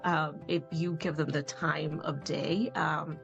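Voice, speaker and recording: A woman who adopts a dog, speaking in a heartfelt, halting way in a news interview, with many fillers. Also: low-pitched, flat delivery, vocal fry, highs cut off. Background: background music.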